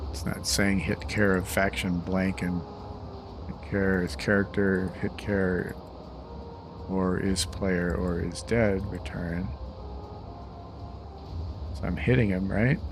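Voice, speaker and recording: A tired man developing a game mod, thinking aloud as he reads code and tests it. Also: little pitch movement. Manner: mutters code to himself, tired, slow and low-key. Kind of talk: thinking aloud while coding and playing. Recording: clear background noise with keyboard typing.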